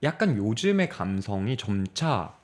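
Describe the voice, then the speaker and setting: Thoughtful young man, lively pitch. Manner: thoughtful, measured, pauses with filler sounds. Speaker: podcast co-host. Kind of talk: casual discussion of literature.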